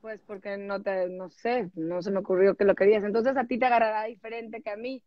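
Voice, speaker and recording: A woman's voice: mid-range voice, fairly even intonation, brisk, no echo. A woman in her forties hosting a phone livestream, chatting casually and telling candid stories with laughter. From Mexico. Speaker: livestream host. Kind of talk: casual chat. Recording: dull dry phone livestream audio.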